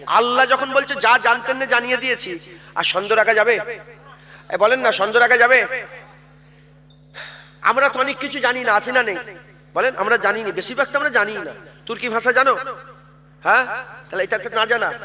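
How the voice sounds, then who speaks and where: A man's voice: very high-pitched, bright, forceful tone, big-room sound. A man preaching a sermon to a crowd, fiery and calling out for responses. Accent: Bengali.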